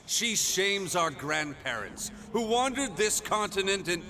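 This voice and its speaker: A man's voice: high-pitched, expressive, measured pace, sharp tone, a little hiss or hum, full character voice. A man voicing a wistful, disapproving craftsman spirit in a dramatic video game style. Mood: wistful reproach.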